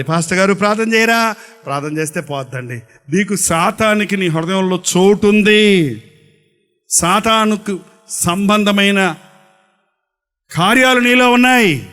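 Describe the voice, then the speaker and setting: A man's voice: high-pitched, measured pace, pauses often, fairly bright tone. A male pastor preaching a sermon, full of rhetorical questions and emphatic repetition.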